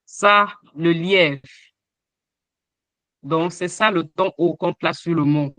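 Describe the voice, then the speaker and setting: A man teaches a language class online, going through examples one syllable at a time. His voice sits a bit high for a man, and he talks very slowly and deliberately. The sound is dry and close. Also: fairly even intonation, dry recording. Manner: slow, explains with repeated examples and hesitations. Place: home, over a video call. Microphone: computer mic on a video call.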